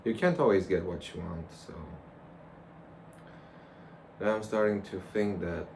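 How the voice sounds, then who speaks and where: A man's voice: deep voice, unhurried, a little mellow. A young man rambling casually and reflectively to a camera, in a loose conversational monologue. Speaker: vlogger. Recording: clear background noise.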